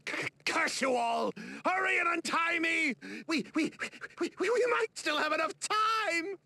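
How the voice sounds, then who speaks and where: A woman's voice: very high-pitched, a little slow, sharp tone, no room sound, full character voice. A woman voicing a hot-headed young male mad mage villain in a video game, theatrical and indignant. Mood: desperate, cursing. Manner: theatrical, indignant, stammering outbursts.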